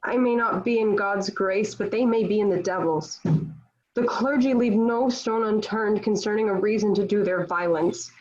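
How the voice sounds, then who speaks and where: A woman's voice: mid-range voice, moderate pace, darkish tone, lightly acted. Dull-sounding woman acting defiant Joan of Arc. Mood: scornful, defiant. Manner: declamatory, solemn, formal phrasing. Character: Joan of Arc, young captive warrior, defiant, devout, unbowed. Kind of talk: table-read stage acting of historical drama. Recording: dull, lo-fi home online recording.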